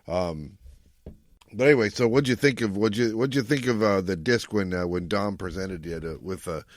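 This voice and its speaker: A man hosting a podcast speaks at normal speed in a lowish voice, with no echo. He chats casually, explaining things in a rambling way and correcting himself as he goes.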